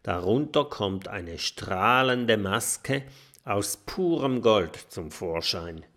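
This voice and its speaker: Slow, gravelly male storyteller. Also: lowish voice, animated, fairly bright tone. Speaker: audiobook narrator. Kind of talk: children's storybook narration.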